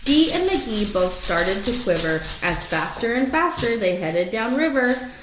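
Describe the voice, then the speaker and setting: A woman reading a rhyming picture book aloud to young children as an animated storyteller, stretching key words and adding asides and questions for the listeners. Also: on the high side, a little slow. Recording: roomy echo, faint background noise.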